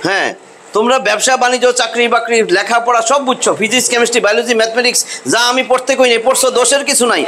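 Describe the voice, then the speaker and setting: Noisy high-voiced teacher. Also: male voice, very fast. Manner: chants letter sounds, demonstrates on his throat, lively and scolding. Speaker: Quran recitation teacher. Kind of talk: colloquial tajweed lesson. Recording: noisy background.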